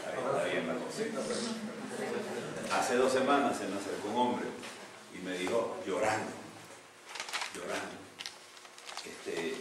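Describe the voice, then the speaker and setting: Older male pastor preaching in an echoey church. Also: low-pitched. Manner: animated preaching, swings from loud outbursts to hushed asides. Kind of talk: sermon. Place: church sanctuary. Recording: echoey church from a distance, noisy.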